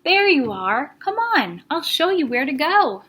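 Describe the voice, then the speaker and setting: A woman's voice: high-pitched, big pitch swings, a little slow, a bit bright, voice pushed up, heavily acted. A woman reading a children's storybook as a gushing, bustling female school principal who is encouraging and commanding. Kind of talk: children's storybook read-aloud.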